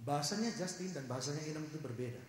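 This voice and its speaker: A man's voice: a little high, animated, racing, slight background noise. A man preaching a sermon, telling a story and acting out its characters, then asking his audience questions. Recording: echoey hall.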